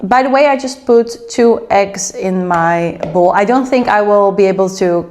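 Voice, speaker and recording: A woman's voice: medium pitch, a little slow, a little mellow. A young woman from the Netherlands with a Dutch accent, chatting casually in a home kitchen vlog while she cooks. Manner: chatty, rambling, self-aware. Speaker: vlogger.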